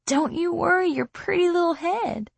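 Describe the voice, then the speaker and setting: A woman voicing a mocking, predatory bald male thug who drawls his taunts and drops to a menacing hush. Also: very high-pitched, moderate pace, vocal fry, dry recording, voice pushed up. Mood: leering hush.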